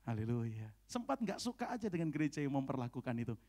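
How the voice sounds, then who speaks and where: A middle-aged man, preaching a lively storytelling sermon in a church hall, often tagging his sentences with "saudara, ya" and acting out the people he quotes. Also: mid-range voice, fast talker. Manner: animated storytelling, many "saudara, ya" asides, acts out quoted dialogue. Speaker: pastor.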